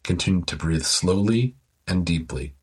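A man slowly guiding a listener through a progressive muscle relaxation exercise with soothing, calm instructions. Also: low voice, breathy edge. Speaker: relaxation guide.

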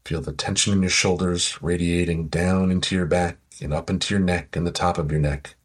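A man slowly guiding a listener through a progressive muscle relaxation exercise with soothing, calm instructions. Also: sits low, breathy edge. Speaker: relaxation guide.

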